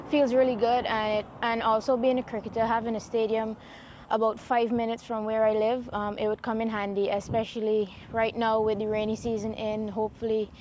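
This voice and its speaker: A Guyanese woman cricketer answers an interview outdoors in a casual, hesitant way. Her voice is fairly high but flat, with faint ambience behind her. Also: a little hiss or hum.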